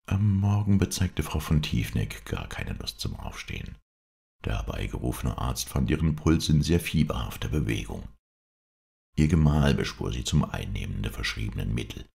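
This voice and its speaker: A man narrating an old ghost story in a measured, expressive audiobook reading. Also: rumbling low, creaky.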